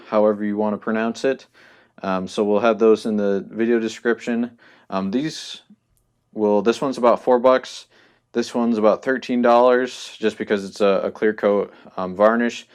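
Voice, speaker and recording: A man's voice: fairly low pitch, a little mellow, clean tone. Rambling young man explaining a hobby craft. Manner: loose and rambling, many ums and restarts. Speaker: hobby tutorial host. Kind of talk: casual spoken tutorial.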